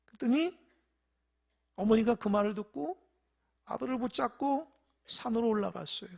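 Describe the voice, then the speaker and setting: A pastor preaching a sermon in church, shifting between loud, emphatic stresses and soft near-whispers, and asking the congregation questions. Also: medium pitch, expressive, normal speed, vocal fry, husky. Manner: tells parables, asks the congregation questions.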